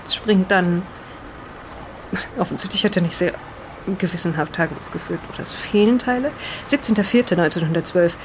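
In an improvised audio play, a woman plays a polite, careful character reading an explorer's old diary aloud, measured and slightly halting as she stumbles over unfamiliar words. Her fairly low voice sounds close to everyday speech, with background noise present.

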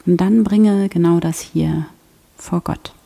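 Low husky half-whispering woman. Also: steady tone. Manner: soft, slow, half-whispered. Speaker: prayer guide. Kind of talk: guided prayer meditation.

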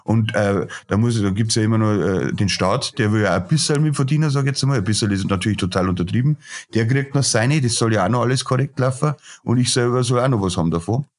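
A middle-aged man, a chef and restaurateur ranting bluntly in a casual podcast interview, full of fillers and restarts. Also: fairly low pitch. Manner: blunt, ranting, lots of filler sounds and repeated starts.

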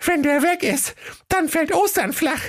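A man voicing a cheeky, fussy little red-hooded girl in a squeaky falsetto, excitable and chatty, with a northern German accent. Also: moderate pace. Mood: alarmed.

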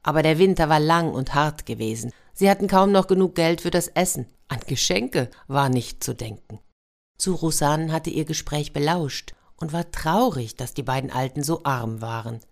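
A woman reads a fairy tale aloud in a lively, expressive storytelling manner. Her voice sits low. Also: moderate pace, gravelly. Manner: warm, lively storytelling with sound effects.

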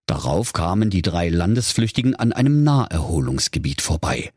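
A man's voice: deep voice, breathy edge, no echo. A man narrating a comic fairy-tale audiobook in a dry, wry way.

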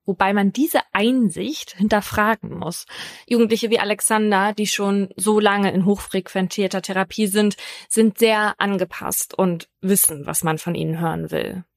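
A woman hosting a true crime podcast, telling a case in a measured, scripted first-person narration. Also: mid-range voice, steady tone, no echo, clean studio sound.

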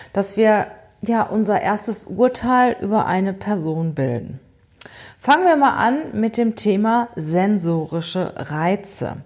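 A woman presents an educational podcast in a relaxed, conversational way. She speaks straight to the listener and keeps asking rhetorical questions as she explains her points. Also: mid-range voice. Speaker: podcast host.

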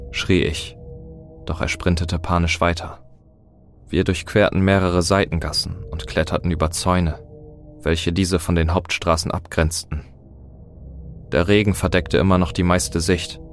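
A man with a very low voice narrates a scripted horror story in a steady, dramatic reading. Quiet music runs softly behind his voice. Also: moderate pace.

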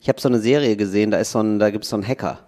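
A man's voice: on the low side, racing, dark tone. A man co-hosting a podcast, chatting casually and riffing playfully on joke ideas. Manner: playful, riffs on joke ideas with put-on quotes. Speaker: podcast co-host. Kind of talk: casual comedic chat.

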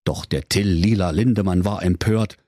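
A man narrating a comic bedtime story in a playful, animated way. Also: low-pitched, moderate pace, no echo, clean studio sound.

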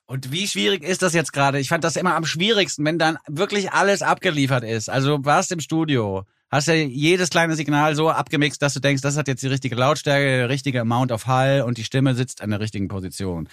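A man's voice: mid-range voice, a little fast, few pauses, fairly bright tone, no room sound, studio quality. A man hosting a podcast, asking questions and chatting casually. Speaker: podcast host. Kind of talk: casual interview chat.

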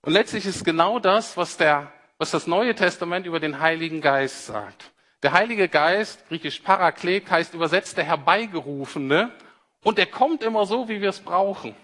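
A man's voice: high-pitched, expressive, moderate pace, bright, forceful tone. A man preaching a sermon, earnest and explanatory, addressing listeners directly as "you". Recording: long hall reverb.

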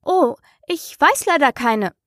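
A woman's voice: very animated, normal speed, no echo, clean studio sound. A woman reading the part of a curious, polite young girl in a storybook, speaking earnestly and turning indignant at times. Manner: high, earnest, sometimes indignant.

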